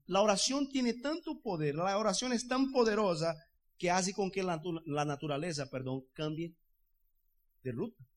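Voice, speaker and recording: A man's voice: high voice, lively intonation, normal speed. A man preaching a sermon in a fervent, loose, conversational way, often asking his listeners to agree. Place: church in the United States.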